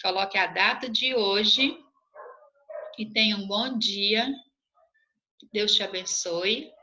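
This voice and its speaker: Bright-voiced woman teacher, patient lesson. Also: medium pitch, dull audio. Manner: slow, drawn-out syllables when spelling out endings, checking in with "tá bom?". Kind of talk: recorded remote lesson, correcting exercises.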